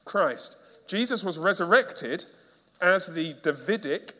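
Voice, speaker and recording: Man, pastor, sermon, emphatic, repeated rhetorical questions, slightly high voice, long church reverb. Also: animated, slow, sharp tone.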